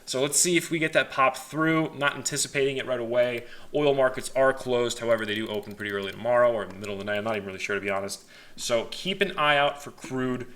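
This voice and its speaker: A man's voice: mid-range voice, fast, fairly bright tone. A young man giving casual, chatty market commentary to his viewers in an informal way, hedging his opinions as he goes. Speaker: host of a stock market analysis channel. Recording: faint background noise.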